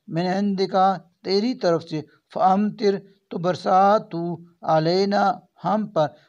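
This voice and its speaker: Man, high voice, verse-by-verse scripture translation, measured phrasing, slightly muffled sound. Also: darkish tone. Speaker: translation reader.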